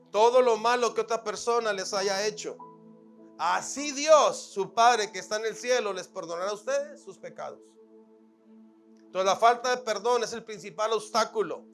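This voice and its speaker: A man preaching as pastor, counting his points and repeating phrases, now loud and emphatic, now soft and quiet. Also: high voice. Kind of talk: sermon.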